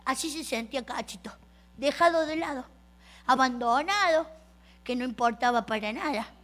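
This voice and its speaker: A woman telling a story to children in an expressive, soft-spoken way, with long pauses. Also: high voice.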